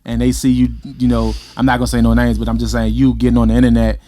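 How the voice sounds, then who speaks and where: A man's voice: mid-range voice, monotone, fast talker, mellow. A man, a podcast co-host chatting casually with slang and frequent affirmations.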